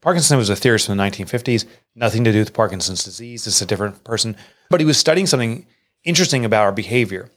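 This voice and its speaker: A middle-aged man, an author and entrepreneur, telling a personal story in an interview in an earnest, emotional way, jumping up in pitch when he quotes people. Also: expressive, racing, fairly bright tone.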